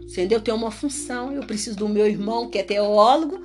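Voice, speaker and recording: A woman's voice: a little high, quick pace, soft background music. A woman preaching casually and animatedly, acting out little dialogues as she talks about faith. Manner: lively, animated, acts out dialogue. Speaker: evangelical preacher. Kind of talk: casual religious talk.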